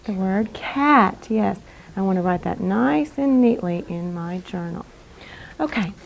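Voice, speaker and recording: A woman teaching young children in a classroom, speaking in a deliberate, carefully enunciated, instructive way and repeating key phrases. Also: medium pitch, lively intonation, dark tone, lo-fi sound. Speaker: elementary school teacher. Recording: clear background noise in a classroom.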